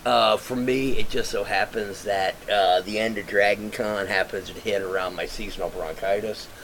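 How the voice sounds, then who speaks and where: A vlogger talks into a webcam at home in a slightly low, raspy voice that sounds congested, though fairly bright and steady at a normal speed. He rambles casually, restarting sentences and saying "uh" as he thinks aloud. The audio is poor, with a faint hum of room ambience behind him.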